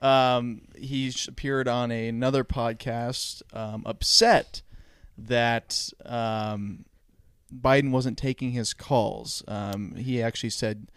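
A man's voice: mid-range voice, flat delivery, slow pace, smooth, dry recording. A young man co-hosting a podcast, rambling in casual chat with lots of fillers. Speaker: podcast co-host.

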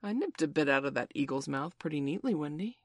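A woman reading aloud, voicing a young boy who speaks quietly and a little smugly. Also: sits low, animated, quick pace, dry recording, clean studio sound. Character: proud young boy John.

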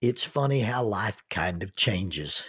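A man telling a folksy story in a sermon, unhurried and full of restarts. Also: lowish voice, expressive, a bit bright, husky.

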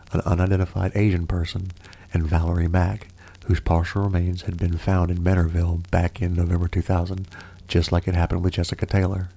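A man narrating scripted true crime with an ASMR twist, in the theatrical, mock-genteel and droll manner of a horror host, his voice gravelly. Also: low voice, dark tone, rough recording.

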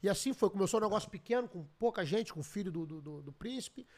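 Brazilian man, podcast guest, high quick voice, lively profane storytelling. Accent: Brazilian Portuguese. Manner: animated, swearing, laughing storyteller. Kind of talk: casual storytelling chat.

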